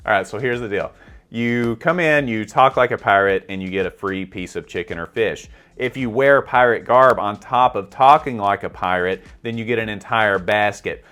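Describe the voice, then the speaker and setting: A man's voice: on the low side, a bit bright. A middle-aged man hosting a vlog in a chatty, self-deprecating way, often asking viewers for their opinions. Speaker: host. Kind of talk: casual vlog commentary.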